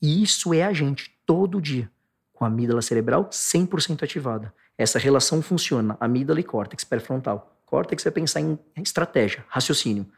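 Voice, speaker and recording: A Brazilian man talks as a guest, explaining stress and anxiety in a husky, slightly breathy voice at an ordinary pitch. He bursts into loud acted-out rants, then sinks into a quiet, low register for his calm points. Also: brisk. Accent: Brazilian Portuguese. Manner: animated, acts out angry outbursts in sharp bursts.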